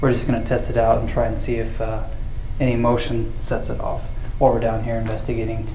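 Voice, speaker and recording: A man's voice: medium pitch, monotone, fast. A man working as a paranormal investigator, casually explaining equipment checks. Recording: echoey room with faint noise.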